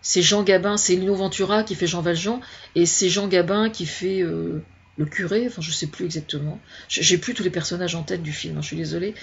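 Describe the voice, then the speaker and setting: A woman's voice: lowish voice, steady tone, a little fast, vocal fry, breathy edge. A woman giving her opinion in casual talk, hesitant and searching for words, with many restarts. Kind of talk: casual spoken opinion monologue. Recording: dull lo-fi recording.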